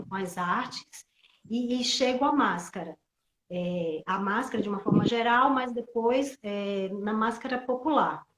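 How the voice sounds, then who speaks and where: A middle-aged woman from Pernambuco speaks over a live video call. Her voice sits a little high and rings in an echoey room. She talks slowly and reflectively, often restarting as she searches for words. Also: fairly bright tone, a little hiss or hum. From Pernambuco, Brazil. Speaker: guest actress and theatre teacher. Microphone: computer mic on a video call.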